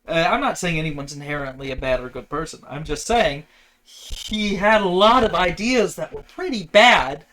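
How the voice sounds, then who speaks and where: Male podcast co-host, high voice, skeptical and dryly sarcastic. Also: animated, pushed and bright, slight background noise. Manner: skeptical, sardonic, quick rebuttals. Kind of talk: casual debate chat.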